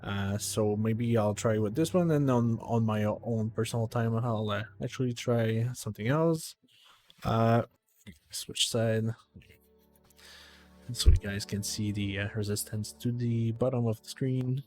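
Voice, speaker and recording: A man's voice: mid-range voice, measured pace, a little mellow, soft background music. Rambling man streaming a game. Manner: rambling, hesitant, many fillers and restarts. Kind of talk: casual live game commentary.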